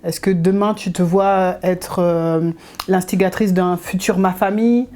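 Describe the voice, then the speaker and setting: A woman's voice: fairly low pitch, steady tone, a little slow, mellow. A woman hosting an interview, asking long, winding questions. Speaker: interviewer, host.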